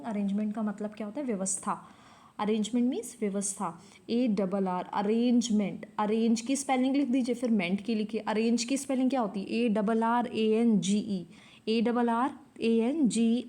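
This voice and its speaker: A woman's voice: a little high, dark tone. A woman teacher giving a spelling lesson, spelling words out letter by letter and repeating them. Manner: repeats key words and checks understanding. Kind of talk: spelling lesson, mixing English terms into Hindi.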